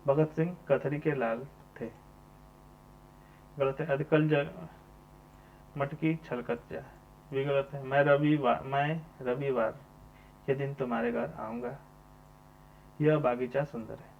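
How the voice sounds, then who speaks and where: A man's voice: on the high side, unhurried, vocal fry, pauses often. A man teacher going through exam questions one by one, repeating each question number and then answering it himself. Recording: dull lo-fi sound with mains hum.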